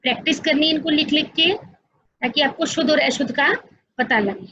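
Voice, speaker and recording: A woman's voice: high voice, moderate pace, bright, forceful tone, highs cut off. A woman teaching an online class to young children, explaining patiently step by step and often addressing them directly. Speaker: school teacher.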